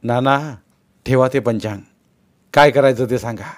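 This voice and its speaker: A man's voice: fairly high pitch, level tone, slow, clean tone, pitched above the performer's own voice. A man voicing a firm older village pilgrim leader who gives urgent orders, in a storybook reading. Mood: urgent commands.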